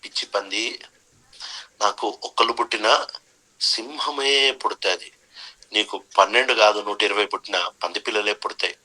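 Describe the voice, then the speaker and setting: A man voicing a proud male lion, the king of the jungle, speaking gruffly in a storybook tale. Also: on the low side, normal speed, pauses often, sharp tone, rough recording. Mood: scolding.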